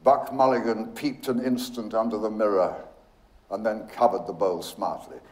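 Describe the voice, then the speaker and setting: A man giving a measured, deliberate literary reading at a live event. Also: fairly low pitch, fairly even intonation, roomy sound, rough recording. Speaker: reader.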